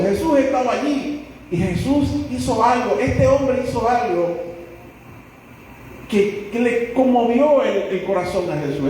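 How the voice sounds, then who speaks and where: High-voiced pastor preaching. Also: male voice, a little mellow, a little hiss or hum. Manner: dramatic storytelling, acting out the people in the stories. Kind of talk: sermon. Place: church sanctuary. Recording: echoey church hall, voice from far off.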